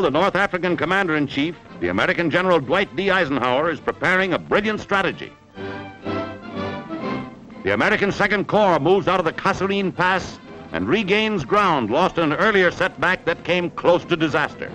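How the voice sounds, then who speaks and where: A man's voice: a little high, animated, a little fast, poor audio. A man narrating an old 1940s wartime newsreel in a dramatic, emphatic announcing manner. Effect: old wartime newsreel sound. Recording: narration over loud orchestral music.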